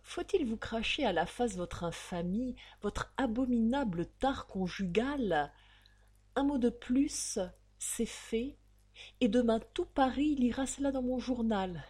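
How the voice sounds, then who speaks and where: A woman's voice: a little high, expressive, unhurried, warm tone, slightly rough, pitched above the performer's own voice. A woman voicing an insolent male blackmailer in an audiobook, with a taunting, sneering manner. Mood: menacing. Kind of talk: audiobook character reading.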